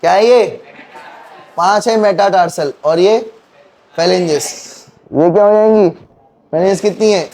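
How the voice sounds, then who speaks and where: Slowly and with long pauses, a male teacher with a high, darkish voice gives an anatomy lecture in class. He counts bones aloud and quizzes the students through call-and-response questions.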